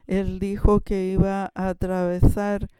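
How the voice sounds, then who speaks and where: A preacher giving a sermon, telling a story in a halting way with frequent restarts and sudden shifts between loud and soft. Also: mid-range voice, monotone, clear, resonant tone, no echo.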